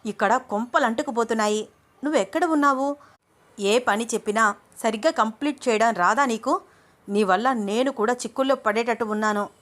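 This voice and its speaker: A woman voicing a jealous, hot-tempered young woman who scolds and shouts in a raised voice. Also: on the high side, normal speed, pitched above the performer's own voice, lightly acted. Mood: angry.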